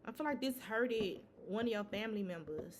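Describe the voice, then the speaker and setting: A woman's voice: mid-range voice, lively intonation, fairly quick, background noise. A woman giving a casual tarot reading, talking loosely with lots of "you know" and some swearing. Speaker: tarot reader.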